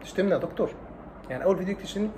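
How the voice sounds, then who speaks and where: A man's voice: high-pitched, lively intonation, very fast, mellow, a little hiss or hum. A man doing a sheepish Egyptian schoolboy. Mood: wounded. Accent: Egyptian Arabic. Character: excuse-making male Azhari high school student.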